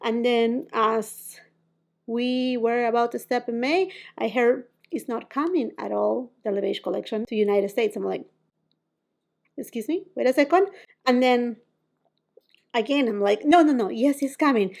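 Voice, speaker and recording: A woman's voice: fairly high pitch, measured pace, creaky, darkish tone. A woman from Peru, chatting casually to camera as a beauty vlogger, often laughing and quoting herself.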